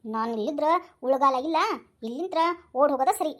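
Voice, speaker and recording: A woman's voice: high voice, fairly quick, natural voice. A woman voicing a scheming, cowardly male house thief in a cartoon, with a North Karnataka Kannada accent. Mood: scared. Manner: sly, pleading when caught.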